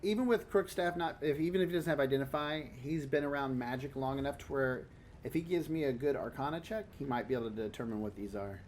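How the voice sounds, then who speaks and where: A man at a mid-range pitch narrating a tabletop game as game master. He lays out each scene in detail and guides the players through it over a faint hiss. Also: fast talker, a little mellow.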